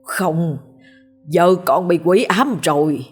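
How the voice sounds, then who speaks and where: A woman's voice: on the low side, expressive, takes it slowly, darkish tone, husky, soft background music, full character voice. A woman doing a frightened old father. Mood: pleading. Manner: pleading, wailing.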